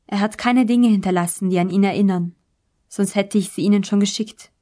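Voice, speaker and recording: A woman reading out the letter of a gentle, grieving woman in an audiobook, soft and plain. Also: mid-range voice, brisk, lightly acted. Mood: sad.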